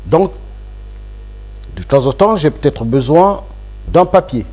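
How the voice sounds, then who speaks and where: In an interview, a man from Congo who belongs to the political opposition makes his case forcefully, repeating phrases for effect. He talks slowly with lively intonation, in a slightly high and somewhat mellow voice.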